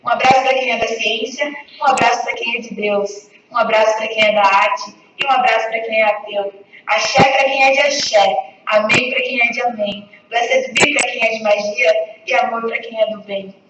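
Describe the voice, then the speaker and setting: A woman recites a poem in a somewhat high voice, measured and rhythmic. She is picked up from a distance in a very echoey hall. The sound is dull, with clear noise underneath. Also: fairly even intonation. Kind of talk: poetry recitation. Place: university lecture room.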